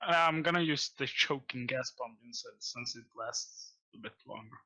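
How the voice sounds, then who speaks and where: A male player in a tabletop game casually explains his character's moves. His voice is very bright and tense, sitting in a middle pitch. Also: normal speed, low-quality recording.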